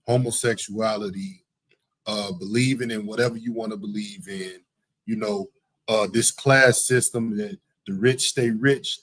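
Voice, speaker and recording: A man's voice: on the low side, no room sound. A man hosting a live talk show, giving heated, preachy religious commentary with emphatic repetition. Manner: emphatic, preachy, repeats "you know what I'm saying". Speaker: podcast host.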